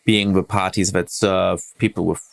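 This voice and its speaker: Low, gravelly male podcast host. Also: flat delivery, moderate pace. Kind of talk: interview questions and commentary.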